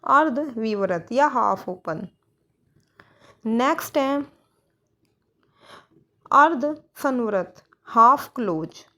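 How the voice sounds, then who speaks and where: A woman's voice: a little high, expressive, extremely slow, long pauses, bright, forceful tone. A woman teaching a grammar lesson for exam students, posing questions and answering them herself, with English words mixed in. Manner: mixes English words into Hindi.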